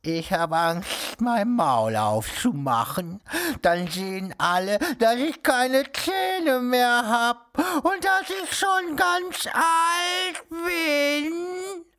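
A woman voicing an old, toothless male crocodile who talks slowly and mournfully in a lowered voice. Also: animated, a bit bright, full character voice. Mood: tearful. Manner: slow, mournful, deepened voice.

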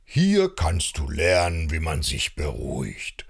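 A man voicing a big, gentle bear who speaks calmly and soothingly in a children's story. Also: very deep voice, slow pace, gravelly, breathy edge, pitched below the performer's own voice, heavily acted.

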